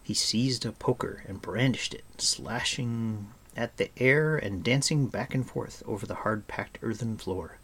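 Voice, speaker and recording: Man, audiobook narrator, measured expressive reading, low, gravelly, husky. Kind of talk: scripted storybook narration.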